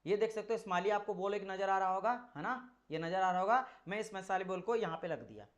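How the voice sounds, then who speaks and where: A man's voice: high voice, fast. A male tutor giving a classroom lecture. He repeats each point several times and checks in with rhetorical questions. He demonstrates with objects at hand while slipping English technical terms into his talk. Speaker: engineering exam teacher.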